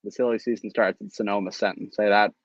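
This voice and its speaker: A man's voice: on the low side, steady tone, dry recording, lo-fi sound. A man hosting a casual racing podcast chat, teasing his co-hosts and joking around. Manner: joking, quick to tease. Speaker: podcast host.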